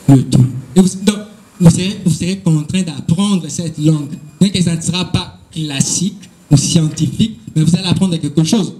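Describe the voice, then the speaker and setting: A man with a Congolese French accent and a warm, somewhat high voice answers questions at a school event in a rough recording. He explains at length, switching between Latin and French and hesitating often.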